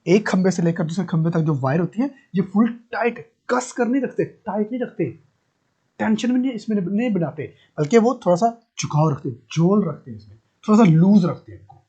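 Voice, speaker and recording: Muffled, dark-voiced male physics teacher. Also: high voice, lively intonation, a little fast, slightly rough. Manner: explains step by step, repeats key terms and asks rhetorical questions. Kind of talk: classroom lecture.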